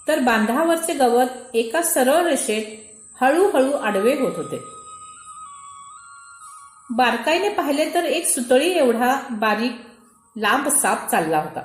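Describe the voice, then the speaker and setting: Slow, measured woman reading her essay. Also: a little high, darkish tone, roomy sound. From India. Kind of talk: reading a personal essay aloud.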